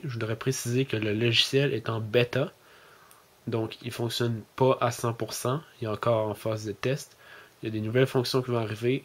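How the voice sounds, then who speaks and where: Hesitant Québécois man demoing a phone. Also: mid-range voice. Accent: Québécois French. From Quebec, Canada. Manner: hesitant, many fillers, louder and slower when giving voice commands. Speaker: tech video host. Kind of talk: casual tech demo.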